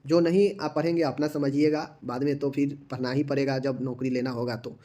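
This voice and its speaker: A man's voice: mid-range voice, flat delivery, fairly quick, dark tone. A man teaching an online nursing exam-prep lesson. He drills abbreviations, repeating each full form and spelling it out letter by letter.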